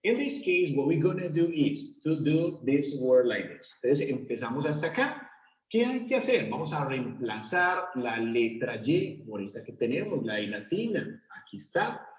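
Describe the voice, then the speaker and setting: In a fairly high voice with wide pitch swings, a teacher quizzes his Spanish-speaking class on English grammar and draws out sample words at a slow pace. The room echoes and the audio is dull and lo-fi.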